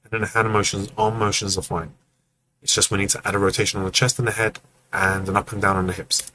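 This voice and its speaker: A man's voice: lowish voice, flat delivery, fast talker, bright, forceful tone, a little hiss or hum, low-quality recording. A man hosting a live stream, giving casual, friendly feedback on animation and acting out the movements as he explains. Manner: friendly, joking asides to chat.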